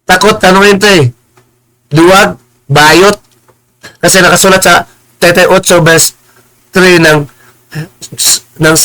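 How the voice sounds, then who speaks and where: A man with a bright, sharp voice rants on a live stream. He is combative and insulting, stammers and repeats words, and now and then slows into preachy English phrases. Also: a little high, poor audio. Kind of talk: heated live-stream rant.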